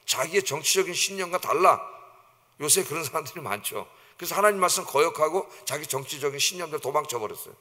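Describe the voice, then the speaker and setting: A middle-aged male pastor giving an animated sermon in a church, telling the story vividly and often checking in with the congregation. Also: fairly high pitch, quick pace. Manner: animated storytelling, acts out quoted voices, often asks "예?" to the congregation. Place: church sanctuary. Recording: church hall reverb.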